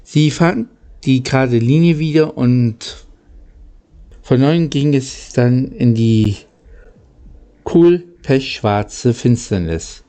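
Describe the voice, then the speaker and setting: Here a channel host and audiobook reader narrates a story in a mellow, mid-range voice. The reading halts at times, with occasional stumbles and misread words.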